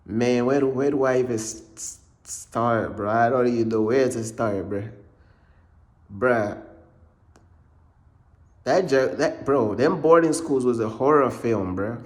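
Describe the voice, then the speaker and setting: A young man from Uganda talks slowly and unhurriedly through a casual storytime vlog. His speech is loose and slangy, and he keeps tossing in "bruh" and "bro" as he rambles and circles back over his points. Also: mid-range voice. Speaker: faith vlogger.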